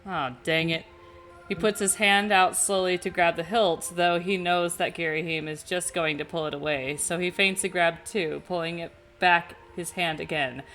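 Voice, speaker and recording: Casting note: giggly young woman reading fan fiction aloud, bright and lowish. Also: steady tone, normal speed, hardly any pauses, soft background music. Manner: giggly and casual. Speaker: co-reader.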